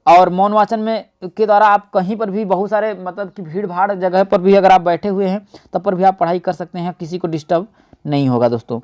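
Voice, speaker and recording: A man's voice: sits high, fairly even intonation, a little fast, darkish tone, dull audio. Hindi-speaking man teaching an exam-prep lesson. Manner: addresses viewers as friends, asks and answers own questions.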